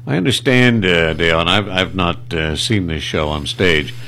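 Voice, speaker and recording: Male interview host, very low voice, chatty, slight background noise. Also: moderate pace, bright, forceful tone. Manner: chatty, asks follow-up questions. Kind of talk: casual interview.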